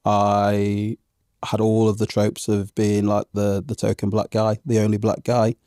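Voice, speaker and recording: This podcast guest, a man in his thirties of Zambian parentage who has lived in England since he was one, has a warm, smooth, lowish voice. His delivery is unhurried and completely flat. The studio sound is clean and dry as he reflects in a conversational interview, often saying um and restarting.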